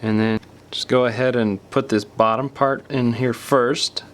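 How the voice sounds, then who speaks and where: Unhurried and fairly even in intonation, a medium-pitched man guides viewers through a repair tutorial. His step-by-step narration is casual and unscripted, and some of his phrases trail away unfinished.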